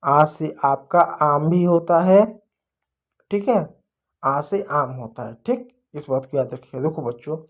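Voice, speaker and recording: A man teaching an English phonics lesson to children. He asks his own questions, answers them, and repeats example words slowly and emphatically, often addressing the children affectionately. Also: on the high side. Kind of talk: classroom-style phonics lesson.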